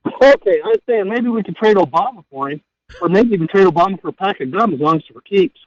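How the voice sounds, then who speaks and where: A man's voice: high-pitched, animated, quick pace, dry recording. A man calling in to a radio show on a speakerphone, giving blunt, short answers. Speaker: radio call-in caller. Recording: muffled speakerphone call, distant.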